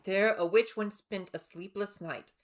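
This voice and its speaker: A woman's voice: mid-range voice, steady tone, a little slow, noisy background. A woman livestreaming a game with casual, chatty, rambling commentary and reactions. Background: game music.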